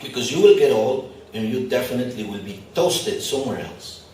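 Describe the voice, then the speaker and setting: A man who isn't a native English speaker lectures on spirituality at an expo, conversational and lightly humorous before a live audience. He speaks briskly in a medium, slightly mellow voice with lively intonation. The big hall echoes strongly, the mic is far off, and faint hiss or hum is present.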